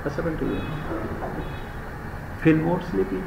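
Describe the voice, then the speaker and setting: A male lecturer with a Bangladeshi accent addresses his students, slowing right down when reading English quotations and rushing through his own explanations. His voice sits a little high. The classroom sound is echoey, with a faint hiss underneath. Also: sing-song, gravelly. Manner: switches between rapid Bengali explanations and slow, deliberate English reading. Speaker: university lecturer. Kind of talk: live classroom lecture mixing Bengali and English. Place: university classroom.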